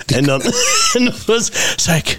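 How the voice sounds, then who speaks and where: A man's voice: very high voice, huge pitch swings, measured pace, sharp tone, no room sound. A man hosting a casual chat, asking questions and telling anecdotes in an informal way. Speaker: host.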